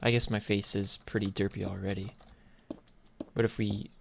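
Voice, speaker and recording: Clicks and typing are audible on this noisy mic as a man casually comments on his game, unhurried in attitude and hesitant, thinking out loud. The gaming YouTuber has a fairly low, creaky voice with a level tone and normal speed.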